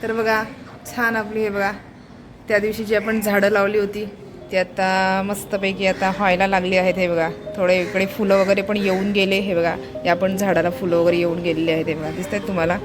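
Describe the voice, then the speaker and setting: A woman's voice: medium pitch, level tone, fairly quick, over music. Chatty Marathi woman showing her home. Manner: chatty, repeatedly pointing things out to viewers. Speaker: vlogger. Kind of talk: casual home vlog narration. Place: home kitchen.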